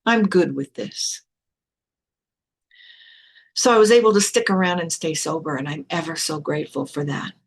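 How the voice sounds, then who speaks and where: Older lady, gravelly husky voice, talking straight and blunt about her life. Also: sits low, lively intonation, quick pace, hardly any pauses. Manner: frank and blunt, with casual swearing. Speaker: spiritual teacher hosting a podcast. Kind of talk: candid personal storytelling.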